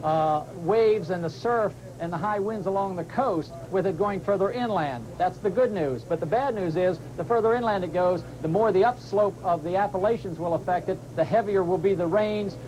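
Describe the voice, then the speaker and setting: A man giving measured, phrase-by-phrase explanations as a weather forecaster in an interview. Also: sits high, a crowd in the background, low-quality recording. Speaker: hurricane forecaster.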